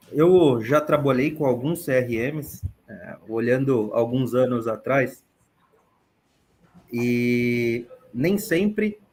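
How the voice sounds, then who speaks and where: A man from São Paulo, a real estate manager speaking as a guest on a webinar panel, explaining in a measured, deliberate way. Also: medium pitch, a little mellow. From São Paulo, Brazil.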